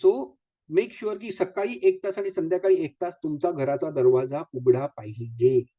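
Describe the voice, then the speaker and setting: A man's voice: a little high, moderate pace, warm tone, muffled recording. A man, a vastu consultant giving a live talk to an audience. He speaks in a chatty way, drops English phrases into his speech and keeps asking rhetorical questions.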